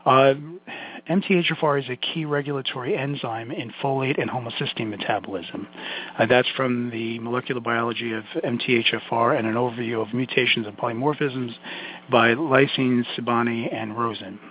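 Phone-like lo-fi audio, male lecturer, Brooklyn accent, medium pitch, folksy direct address, emphatic asides. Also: fairly even intonation, brisk, slight background noise. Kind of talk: informal lecture on a health topic.

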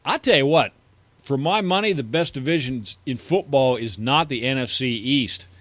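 A man's voice: mid-range voice, animated, normal speed, a bit bright, dry recording. A man co-hosting a fantasy sports show in casual chat, agreeing readily and ticking off team records. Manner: agreeable, ticks off stats and records. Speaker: fantasy sports podcast co-host.

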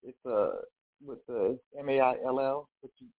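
A woman's voice: extremely low pitch, lively intonation, moderate pace, vocal fry. A woman from Los Angeles calling in to a radio show, polite and hesitant, with many fillers. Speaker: caller. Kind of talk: call-in radio question. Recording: tinny phone line.

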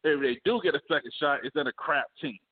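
A man co-hosting a podcast, arguing sports in an animated, joking way with bursts of laughter. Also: fairly high pitch, fast talker. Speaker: podcast co-host. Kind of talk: casual sports debate. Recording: phone-like narrow band.

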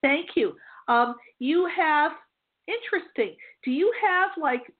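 A high-pitched woman speaks in a chatty, reassuring way and laughs easily. She hosts a call-in psychic reading show, and her voice comes over a thin, tinny phone line. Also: animated, slow. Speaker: psychic medium host.

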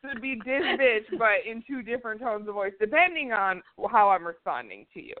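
A woman's voice: mid-range voice, expressive, brisk. A woman co-hosting a podcast in casual chat, telling stories in a blunt, sarcastic way. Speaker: podcast co-host. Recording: tinny phone-like line.

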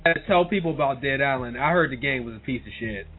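A man's voice: medium pitch, quick pace. A man with an American accent in casual, slangy chat as a podcast co-host talking games. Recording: tinny phone-like voice call, music behind.

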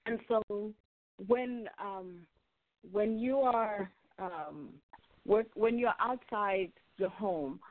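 A middle-aged woman moderates a radio roundtable. Her delivery is measured and halting, at a medium pitch, through a dry, narrow telephone line. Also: no echo. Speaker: radio host. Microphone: phone call. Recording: tinny phone line.

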